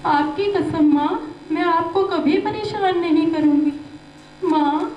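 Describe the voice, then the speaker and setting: A woman's voice: very high voice, slow. A woman playing an unborn baby girl who pleads with her mother in an amateur stage skit. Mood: pleading. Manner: pleading, tearful, partly sung. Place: live stage in a hall. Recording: echoey hall, distant, dull, faint hum.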